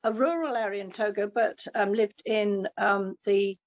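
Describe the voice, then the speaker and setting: A woman's voice: medium pitch, unhurried. A middle-aged woman giving a casual, anecdotal testimonial as a host, chatty and digressive. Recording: muffled lo-fi call audio.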